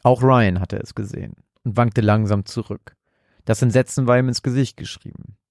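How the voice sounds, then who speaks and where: A man reading a scripted horror story in a measured, dramatic way. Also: medium pitch, steady tone, creaky, darkish tone, dry recording, clean studio sound.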